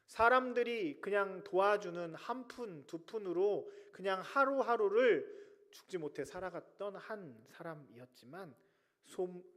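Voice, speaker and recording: A male pastor preaching a sermon, swinging between loud emphatic cries and hushed whispers. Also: sits high, lively intonation, unhurried. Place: large church sanctuary. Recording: long reverb of a church hall.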